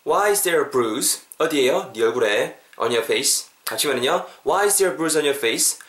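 A man's voice: on the high side, expressive, slow pace, a bit bright, reverberant. A Korean man teaching an English expression on a podcast, drilling phrases for listeners to repeat.

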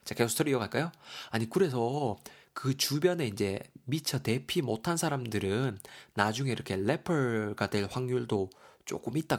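Male language teacher with a husky voice, casual and talkative, walks through words letter by letter. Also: mid-range voice. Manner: chatty, spells words letter by letter, reads example lines in English. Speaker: English vocabulary teacher. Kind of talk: casual vocabulary lesson.

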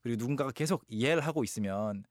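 A middle-aged man teaching English on the radio, calm and patient as he explains each word. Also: medium pitch, moderate pace, no echo, studio quality.

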